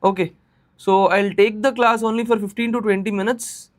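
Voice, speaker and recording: Male online tutor, Indian accent, notably high voice, conversational explainer who repeats key phrases and asks check questions. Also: flat delivery, moderate pace. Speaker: teacher of exam preparation class. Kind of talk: live online lesson, informal explaining.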